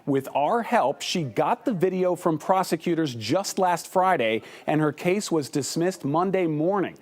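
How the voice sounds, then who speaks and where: A male investigative reporter presents a TV news story. His voice is a bit higher than most men's, and he reads in a broadcast reporting style. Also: animated, measured pace.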